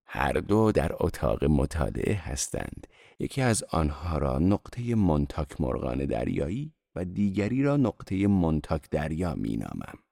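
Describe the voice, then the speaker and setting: A man doing a meek, low-voiced photographer. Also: sing-song, gravelly, warm tone, dry recording, clean studio sound, heavily acted. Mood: earnest. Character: meek, eager middle-aged photographer.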